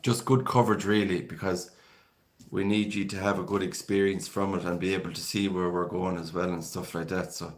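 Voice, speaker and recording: Irish guy from the west of ireland, lowish voice, casual rambly livestream chat, reads out comments. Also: fairly even intonation, brisk. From Galway, west of Ireland. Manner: rambling, conversational, addresses viewers by name. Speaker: live stream host. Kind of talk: casual chat, reading viewer comments aloud.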